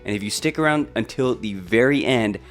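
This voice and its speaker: Chatting to a vlog camera about his life, a Los Angeles man in his thirties who hosts on YouTube speaks in a lowish, animated, brisk voice. He keeps stumbling into fillers and restarts, and faint music plays behind him.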